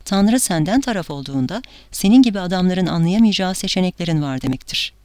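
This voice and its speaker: A woman's voice: lowish voice, lively intonation, fast talker, mellow, no echo, studio quality, lightly acted. A woman voicing a fervent male priest, zealous and anguished, with an intense, fanatical delivery.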